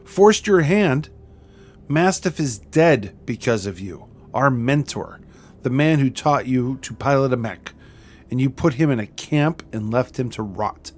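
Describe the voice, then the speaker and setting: A man voicing a wronged exiled queen in a video game, stern and resolute, speaking formally and gravely. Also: mid-range voice, animated, a little slow, darkish tone. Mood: outraged.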